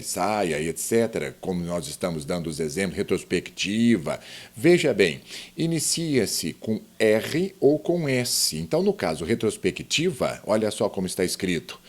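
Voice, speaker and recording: A man gives a grammar lesson, his pitch rising and falling a lot as he explains each point. He walks through it step by step and keeps asking his viewers questions. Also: darkish tone. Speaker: grammar teacher.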